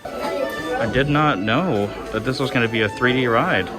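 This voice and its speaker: A male theme park vlogger gives casual walk-through commentary. He exclaims readily at what he sees. Loud music plays around him as he goes. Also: mid-range voice, expressive, unhurried. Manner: wowed, exclaiming at sights.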